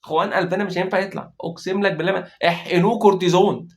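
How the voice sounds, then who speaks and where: Egyptian man, mocking football fan recap, high bright voice, very fast. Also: steady tone. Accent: Egyptian Arabic. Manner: joking, mocking, rapid rants with exasperated asides. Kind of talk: casual sarcastic match recap.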